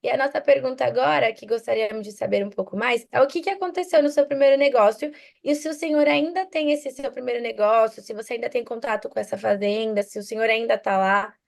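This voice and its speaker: A woman's voice: on the high side, quick pace, creaky. A woman interviewing a guest as a student, asking polite, formal questions and calling him doctor.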